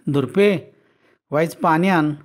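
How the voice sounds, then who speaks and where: A man's voice: mid-range voice, expressive, normal speed, close to an everyday voice. A man doing a grumbling village husband. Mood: exasperated. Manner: raised, exasperated rustic village speech. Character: rural village husband, weary, grumbling yet soft-hearted.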